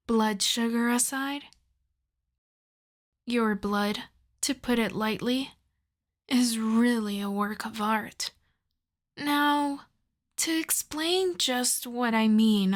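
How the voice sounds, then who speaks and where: Speaking straight to the listener, a woman acts as a courteous, coyly obsessive vampire lab technician for an ASMR roleplay. Her slightly high voice stays soft, measured and polite, frequently turning breathy.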